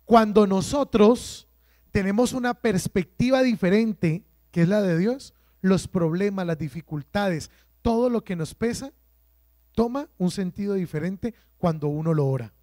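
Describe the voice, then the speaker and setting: Priest, high voice, dry recording, emphatic sermon full of questions to the flock. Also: male voice, darkish tone, dry recording. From Colombia. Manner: emphatic preaching with rhetorical questions and slow drawn-out stresses. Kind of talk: sermon at a prayer workshop.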